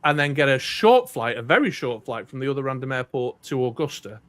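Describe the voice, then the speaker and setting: A fairly quick, fairly bright mid-range voice with lively intonation and no room sound belongs to a middle-aged podcast co-host. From North Wales and British-accented, he rambles casually with plenty of ums and restarts.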